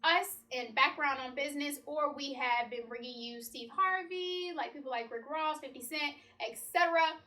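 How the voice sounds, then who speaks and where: A young woman co-hosting a casual chat, bubbly and animated. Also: sits high, moderate pace, hardly any pauses. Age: young adult. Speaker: co-host.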